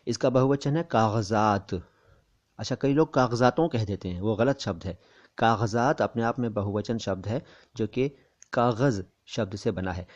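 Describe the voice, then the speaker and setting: Guy teaching pronunciation, careful and measured, slightly muffled headset sound. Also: mid-range voice, a little mellow. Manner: measured, careful explanatory delivery. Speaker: language teacher. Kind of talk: pronunciation lesson. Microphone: bluetooth headset.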